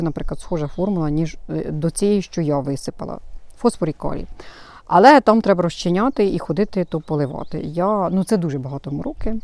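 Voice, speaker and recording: A woman with a fairly low, dark voice and no room sound hosts a gardening channel, recording herself outdoors in her flower bed with her own camera. She explains things casually, hesitating often and using lots of fillers.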